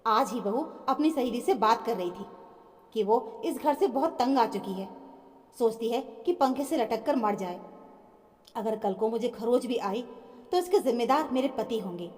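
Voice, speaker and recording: A woman voicing a stern, protective older mother-in-law who scolds forcefully. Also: a little high, long reverb tail, natural voice. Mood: pleading.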